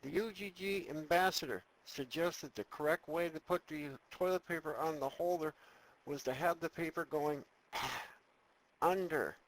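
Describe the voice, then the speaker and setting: A man's voice: fairly high pitch, unhurried, lightly acted, low-quality recording. A man playing a cautious, deferential advisor to an evil space emperor, formal and wary, in a comedic audio drama. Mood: dutiful.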